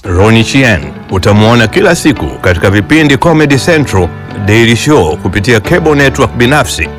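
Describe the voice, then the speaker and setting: A man narrating a news story in a clear announcer delivery. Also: medium pitch, very animated, a little fast, over music.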